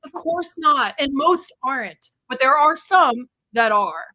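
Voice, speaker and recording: A young woman telling stories in a casual chat, full of fillers and lively acted-out quotes. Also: high voice, measured pace, no room sound, rough recording. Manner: chatty storyteller, many fillers, animated quotes. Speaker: co-host.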